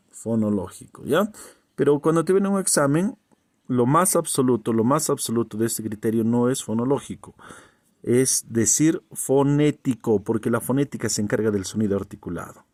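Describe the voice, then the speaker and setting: A man runs through a recorded language lesson at a mid pitch, firing off rhetorical questions and answering them himself. He repeats key terms and keeps checking in with the listener. The recording is dry and close, with no room sound. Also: darkish tone, no echo. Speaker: teacher.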